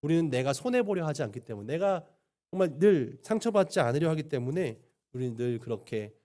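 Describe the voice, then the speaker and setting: A man's voice: a little high, sing-song, mellow. A man preaching a Sunday sermon as pastor, telling a story and often adding an affirming "네". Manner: storytelling with frequent affirming "네" and quick delivery. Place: church sanctuary.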